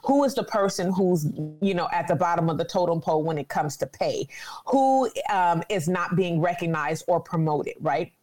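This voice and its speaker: A woman's voice: lowish voice, expressive, moderate pace, a little mellow, soft background music. A woman in her forties from California, speaking earnestly and reflectively in a conversational interview. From Sacramento, California.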